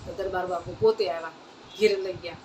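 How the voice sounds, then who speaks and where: A woman's voice: on the low side, fairly even intonation, brisk, a little mellow. A woman telling a saint's life story at a satsang, in a plain folk manner that repeats phrases. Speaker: devotional storyteller. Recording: distant mic, faint ambient noise.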